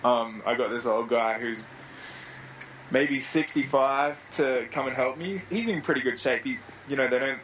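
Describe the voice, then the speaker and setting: A man's voice: medium pitch, normal speed, a bit bright, a little hiss or hum, poor audio. A man in his thirties with an Australian accent, telling rambling anecdotes in casual chat and swearing freely. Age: 30s.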